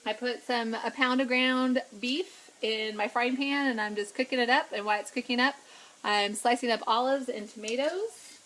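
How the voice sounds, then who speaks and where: A woman's voice: fairly high pitch, moderate pace, a bit bright, low-quality recording. A middle-aged woman hosting a live cooking video at home, chatting with viewers and greeting them by name as she cooks. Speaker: cooking vlog host. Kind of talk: casual live-stream cooking chat.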